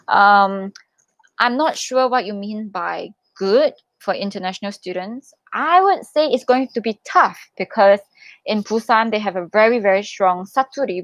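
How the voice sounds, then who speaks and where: Hosting a relaxed livestream, this young adult international student in Korea reads viewers' questions aloud and responds expressively and chattily. The sound is close and dry with minimal echo, and her voice sits in a middle range for a woman. She offers advice in a comforting, casual tone.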